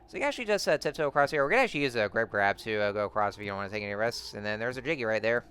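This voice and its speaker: A man's voice: fairly low pitch, animated, very fast, fairly bright tone, clean tone. A man giving casual, rambling game commentary full of fillers and restarts. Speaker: let's-play host.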